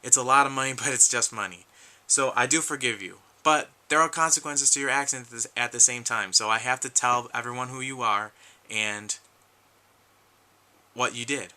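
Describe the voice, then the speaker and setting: Man, earnest rambling vlog talk, slightly worn voice, bright and crisp tone. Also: mid-range voice, moderate pace, low-quality recording. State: losing his voice, coughing. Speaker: YouTube collector vlogger. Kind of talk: casual talk to camera.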